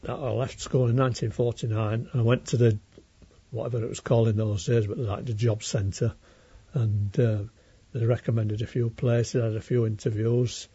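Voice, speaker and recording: An elderly man from Leeds, England, around his 80s and a retired railway worker, reminisces in an unscripted oral history interview with a plain-spoken Yorkshire accent. His mid-range voice is warm, slightly rough, and level, at normal speed. The recording is dull and lo-fi, with no room sound.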